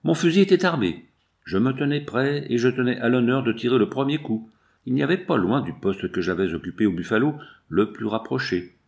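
A man narrating an adventure novel in the first person, with a measured, dramatic reading. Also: medium pitch, expressive, creaky. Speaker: audiobook narrator. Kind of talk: scripted narration.

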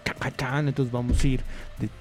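With faint music in the studio behind him, a man from Mexico hosts a community radio show in a relaxed on-air chat. His medium-pitched voice is level and moderately paced, and he rambles with plenty of fillers and asides.

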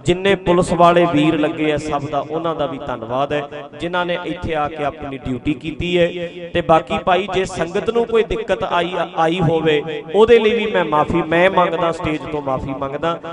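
A man's voice: on the high side, normal speed. A man preaching from a stage to a congregation, earnest and pleading, repeating his phrases for emphasis. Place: outdoor religious gathering stage. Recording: crowd noise from a large gathering.

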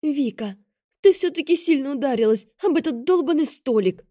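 A woman's voice: sits high, animated, moderate pace, mellow, dry recording, pitched above the performer's own voice. A woman voicing an anxious adult sister who speaks nervously and pleadingly, close to a whisper. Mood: worried, pleading.

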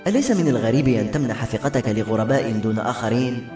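A man's voice: mid-range voice, lively intonation, fast talker, natural voice. A man voicing a seductive scheming princess. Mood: persuasive. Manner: coaxing, flirtatious. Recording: roomy echo with soft music.

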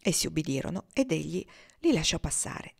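A woman reading a historical novel aloud in a measured, expressive narration. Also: low-pitched, creaky, breathy edge. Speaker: audiobook reader. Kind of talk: audiobook narration.

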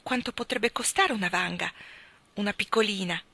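A woman's voice: mid-range voice, moderate pace, gravelly, sharp tone. A woman reading the lines of a lonely, eager young girl in a storybook, wistful and earnest in manner. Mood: curious.

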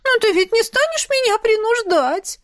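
Narrator puts on a high-voiced, tearful young noble lady in an audiobook; dramatic, clingy, prone to shrill outbursts. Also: animated, normal speed, no room sound, studio quality. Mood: indignant. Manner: breathy pleading, shrill outbursts.

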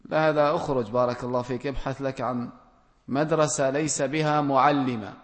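A man reads out audience questions and answers them one by one as a religious scholar, giving plain, direct rulings and gentle admonishment. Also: medium pitch, steady tone, a little fast. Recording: long reverb from a large hall.

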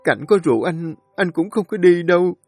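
A man's voice: mid-range voice, normal speed, a little mellow, no room sound, faint music behind, natural voice. A man voicing a grief-stricken young husband who pleads tearfully with his dying wife. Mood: tender pleading. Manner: sobbing, pleading, voice breaking.

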